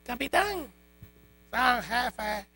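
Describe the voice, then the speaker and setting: A man's voice: extremely high pitch, sing-song, very slow, sharp tone, husky, pitched above the performer's own voice, exaggerated voice. A man voicing a whiny young male recruit who pesters his captain with fussy questions.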